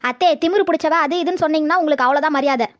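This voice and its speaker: A sharp-tongued young daughter-in-law, played by a woman in a comedy skit. Her voice is high and she fires off her words quickly. The recording is close and dry. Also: no echo, natural voice. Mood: angry.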